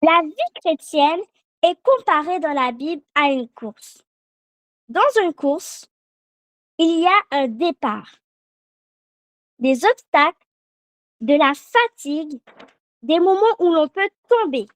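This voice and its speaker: Woman preacher, high voice, slow deliberate delivery, dry close sound. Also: expressive, no echo. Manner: slow, deliberate, leads call-and-response repetition. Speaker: preacher giving a children's meditation. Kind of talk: sermon.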